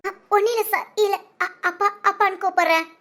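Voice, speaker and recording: Woman doing a grieving young woman, very high, soft and teary, for an audio drama. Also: fairly even intonation, brisk, slight background noise. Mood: polite. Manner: soft, tearful and polite. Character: grieving young woman missing her father.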